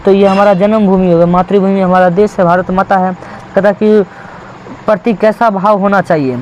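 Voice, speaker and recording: High-voiced male teacher quizzing students. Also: flat delivery, normal speed, darkish tone, muffled recording, a little hiss or hum. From India. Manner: repeats and asks rhetorical questions to students. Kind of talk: textbook question-and-answer lesson.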